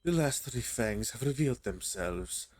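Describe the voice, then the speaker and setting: A man's voice: medium pitch, expressive, unhurried, soft background music. A man voicing a solemn, commanding male wolf elder who makes grave, formal pronouncements, reading game dialogue aloud.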